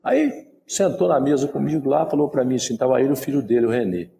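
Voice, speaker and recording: A Brazilian man in his sixties, a former footballer, telling stories in an interview with lively, repetitive phrasing. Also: medium pitch, quick pace, gravelly, a little hiss or hum. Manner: lively storyteller who acts out quoted dialogue and repeats words. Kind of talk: storytelling in an interview.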